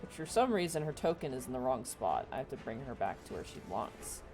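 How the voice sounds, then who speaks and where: A woman's voice: rumbling low, sing-song, fast talker, music in the background. A woman game master improvising narration for an online tabletop game, recorded with faint noise. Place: online voice call for a virtual tabletop. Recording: faint noise on home microphone.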